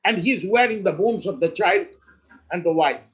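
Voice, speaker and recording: High-voiced man teaching slowly. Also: a bit bright, slightly rough, poor audio. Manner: slow and measured, with emphatic pauses. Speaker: spiritual teacher. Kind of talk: spoken teaching with storytelling.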